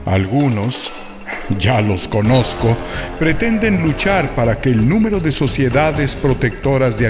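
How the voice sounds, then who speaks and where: Reading over music, a man delivers a literary speech in a dramatic, declamatory, rhetorical style, shifting his pitch for emphasis.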